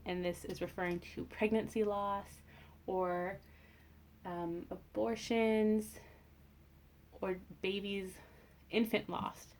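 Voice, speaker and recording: A woman giving a tarot reading in a casual, gentle and reassuring way, with frequent fillers and restarts. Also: mid-range voice, slight background noise. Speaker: tarot reader.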